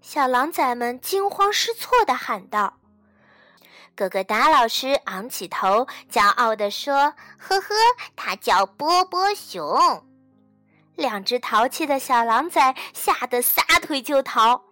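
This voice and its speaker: A woman storyteller reading a children's bedtime story in a slow, soothing way. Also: fairly high pitch, expressive, no room sound, faint music behind. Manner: slow, soothing, fading to soft.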